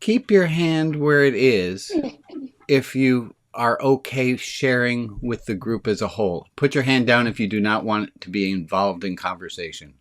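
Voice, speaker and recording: Leading an online group as a rabbi on a video call, a man keeps the tone informal and chatty. He speaks quickly and eagerly in a deep, resonant voice, mentioning that getting excited speeds him up.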